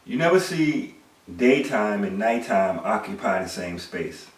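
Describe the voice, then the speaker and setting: A man's voice: lowish voice, animated, a little slow, recorded from a distance. A middle-aged man delivering an emphatic monologue lecture, posing rhetorical questions and repeating words. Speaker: commentator. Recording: echoey room, away from the mic.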